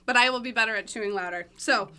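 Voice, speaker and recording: Chatty woman on a podcast, bright voice, lots of ums and laughs. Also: on the high side, clear, resonant tone. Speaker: marketing agency guest. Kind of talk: casual podcast interview. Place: room, eating during recording. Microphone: podcast mic.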